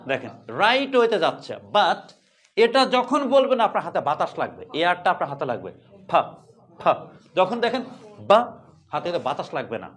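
A man leads an English pronunciation class. His voice sits high and moves a lot as he teases his students and drills each sound again and again. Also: normal speed. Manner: animated, teasing, drills sounds by repeating them. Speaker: English teacher.

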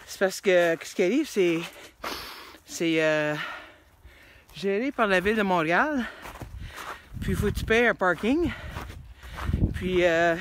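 A woman's voice: on the low side, background noise. A middle-aged woman with a Quebec French accent, chatting casually to her phone while hiking a snowy trail outdoors. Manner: chatty, rambling, laughs often. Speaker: hiking vlogger. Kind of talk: casual vlog chat. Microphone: phone at arm's length.

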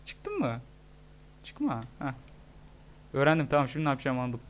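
A young man giving excitable, joking let's-play commentary, shouting at the game. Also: mid-range voice, normal speed. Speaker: gaming YouTuber.

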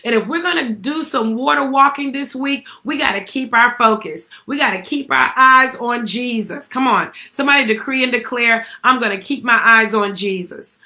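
A woman's voice: high-pitched, normal speed, few pauses, sharp tone. A woman preaching a livestreamed morning sermon, calling on listeners and repeating phrases for emphasis. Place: livestream to online viewers.

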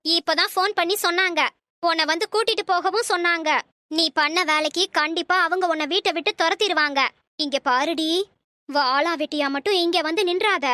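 A stern, shrill cartoon mother. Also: a little fast, bright, forceful tone, no echo. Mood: scolding. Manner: lecturing, scolding. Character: worried middle-aged mother, stern and threatening.

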